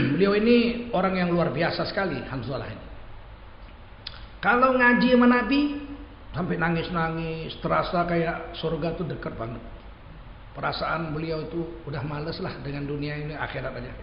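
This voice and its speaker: Lively high-voiced preacher in an echoey hall. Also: male voice, moderate pace. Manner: animated, chatty, addresses the congregation directly. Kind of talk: storytelling sermon in casual everyday speech. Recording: echoey hall, dull lo-fi sound, faint noise.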